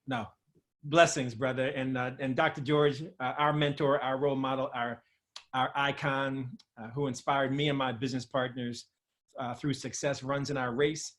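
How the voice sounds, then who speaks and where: A man's voice: medium pitch, flat delivery, moderate pace, a bit bright. A man speaks on a video call from his home as an interview guest. He is courteous and generous with praise for his hosts, in a conversational tone.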